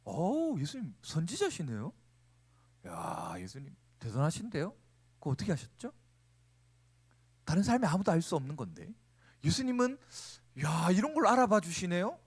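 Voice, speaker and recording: A bold, flattering grown woman, acted out by a male preacher mid-sermon. Her voice sits lower than his usual speech and keeps a confident, showy edge. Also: normal speed, pauses often, breathy edge, full character voice.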